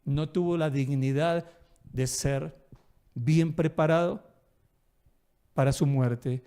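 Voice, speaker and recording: A man's voice: on the high side, slow, warm tone, clear, resonant tone. A man pastor preaching a sermon, telling stories with acted dialogue and emphatic bursts.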